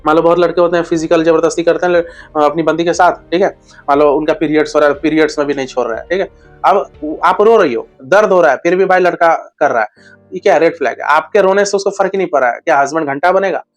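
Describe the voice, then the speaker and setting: A man's voice: a little high, quick pace, faint music behind. A man giving relationship advice in a casual monologue, blunt and slangy with crude humor.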